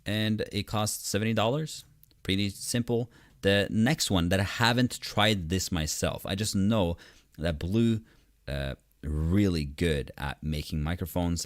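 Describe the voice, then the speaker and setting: Deep, dry close-miked man teaching casually. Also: no room sound. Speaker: online course instructor. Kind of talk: casual tutorial narration. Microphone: close USB desktop microphone.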